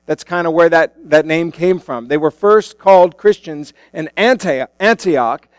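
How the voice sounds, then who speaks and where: High, clear-voiced pastor at a pulpit microphone. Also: male voice, unhurried, dry recording. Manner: casual and conversational, with frequent fillers and restarts. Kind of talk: sermon. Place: church sanctuary.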